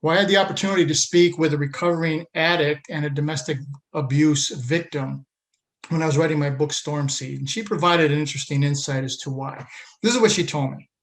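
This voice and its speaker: A man's voice: fairly high pitch, fairly quick. A man hosting a podcast, reading an earnest scripted introduction and then interviewing a guest over a remote link. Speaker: podcast host.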